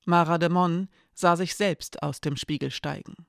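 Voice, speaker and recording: A narrator reading a dark fantasy story aloud in a measured, even storytelling manner. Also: medium pitch, gravelly, no echo, clean studio sound.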